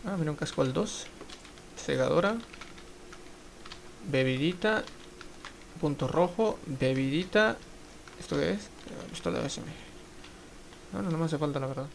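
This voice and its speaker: A man giving live commentary while playing a mobile shooter, excitable and swearing, breaking into panicked shouts. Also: a little high, moderate pace, gravelly, pauses often, slight background noise. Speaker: mobile game streamer.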